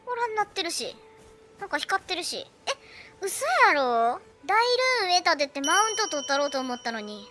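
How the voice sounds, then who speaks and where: A woman with a Kansai accent giving excitable, chatty, joking commentary while playing a video game. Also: sits high, fairly quick. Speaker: game streamer. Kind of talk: let's play commentary. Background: loud game music and sounds.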